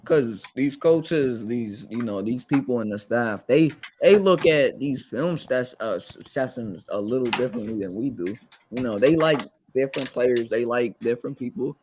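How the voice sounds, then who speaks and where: Male co-host, laid-back sports banter, energetic and slangy; hiss-heavy web call recording. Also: medium pitch, normal speed. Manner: excitable, says "bro" a lot. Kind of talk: casual sports chat.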